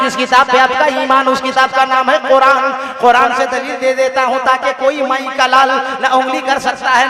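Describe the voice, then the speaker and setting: A man's voice: extremely high pitch, bright, forceful tone. A man preaching a devotional sermon to a large gathering, telling a story with great drama and urging the crowd to join in. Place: large outdoor gathering over a public address system. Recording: echoey PA sound with long reverb and faint crowd.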